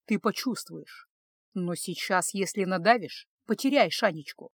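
A woman voicing a wise elderly woman who speaks low, quietly and in a measured way, in a storybook reading. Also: breathy edge, no room sound, studio quality. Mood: firm, gentle.

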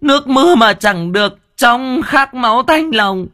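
A man's voice: high voice, measured pace, no room sound, clean studio sound, pitched above the performer's own voice. A man voicing a scheming middle-aged stepmother who screeches, wails and nags. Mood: wailing. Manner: screeching, wailing, nagging.

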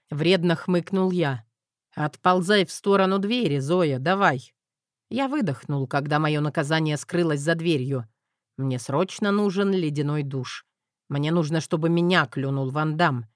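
A man's voice: fairly high pitch, measured pace, dry recording, studio quality. A man narrating a first-person audiobook in a wry, self-mocking way.

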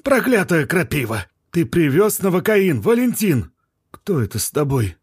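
A man voicing an excitable middle-aged male biologist who runs a remote station, eager and exclamatory. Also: fairly high pitch, unhurried, no room sound, studio quality, pitched above the performer's own voice. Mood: startled.

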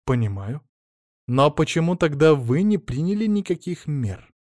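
Man voicing detective, firm, persistent, matter-of-fact, slightly high voice, dry sound. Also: big pitch swings, moderate pace, a little mellow, dry recording. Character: firm male police detective, adult.

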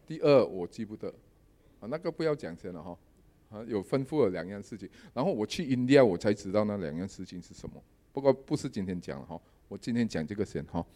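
A man giving a sermon testimony, telling his dreams in a lively storytelling manner with English words mixed in. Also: lowish voice. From Malaysia. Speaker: lay preacher.

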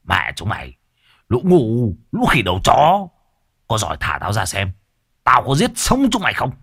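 A man's voice: medium pitch, wildly swooping pitch, normal speed, creaky, fairly bright tone, breathy edge, dry recording, clean studio sound, full character voice. A man voicing a crazed young man, spiteful and taunting, with vicious, snarling speech.

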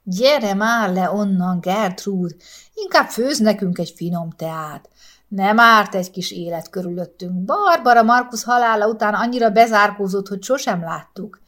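A woman voicing a calm older husband who teases his wife dryly and tries to placate her. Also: mid-range voice, natural voice. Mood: teasing. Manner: mild, dryly teasing, placating. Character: calm, teasing older husband doing a crossword.

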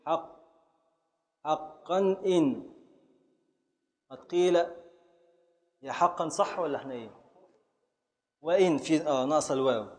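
A fairly high-pitched man teaches a classroom lesson on Arabic prosody and grammar in Egyptian Arabic within a large hall. His pace is measured with frequent pauses, and he patiently repeats and scans words aloud, calling on his students.

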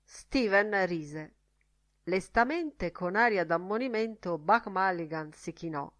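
A woman narrating a literary novel as an audiobook, reading in a measured, deliberate way. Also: fairly low pitch, expressive, fairly bright tone.

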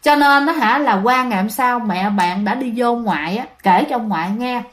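A woman's voice: fairly high pitch, normal speed, fairly bright tone. A woman telling ghost stories in a chatty, dramatic way, often addressing her listeners. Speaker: ghost story narrator. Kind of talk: casual storytelling to listeners.

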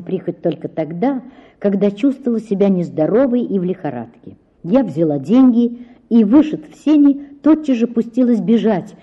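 Woman narrator, expressive literary audiobook reading, medium pitch, dull lo-fi sound. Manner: expressive, emotional storytelling.

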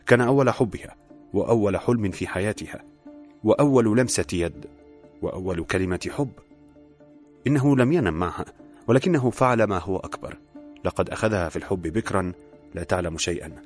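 A man narrating a romantic story aloud in a steady, measured reading. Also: low voice. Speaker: audiobook narrator. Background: soft music.

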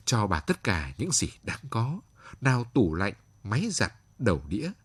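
Husky male late-night storyteller. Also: on the low side, big pitch swings, normal speed, no room sound.

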